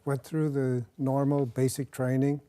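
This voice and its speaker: An older man from Nebraska talks about his service in an easy, measured way, pausing often with small fillers. His voice is mellow and warm at an ordinary middle pitch. He sits in a quiet studio with a lapel mic. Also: flat delivery. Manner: measured, plain, with frequent fillers. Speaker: retired army officer guest. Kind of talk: interview answers. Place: studio with dark backdrop.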